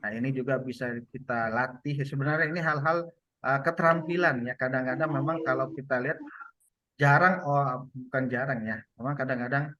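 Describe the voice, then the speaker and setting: A man's voice: mid-range voice, fairly even intonation, brisk, pushed and bright, dry recording. A man giving a loose online training on communication, with many fillers and restarts. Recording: muffled lo-fi sound.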